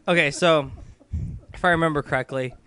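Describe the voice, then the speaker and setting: Tipsy, rambling man, slightly high-pitched. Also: steady tone, brisk, pushed and bright, a little hiss or hum. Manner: giggly, slangy. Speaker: amateur film reviewer, main storyteller. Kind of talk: casual joking movie recap among friends.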